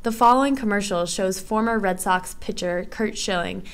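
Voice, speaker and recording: A young woman narrating her student essay in a measured, earnest reading voice. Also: mid-range voice, smooth. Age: young adult.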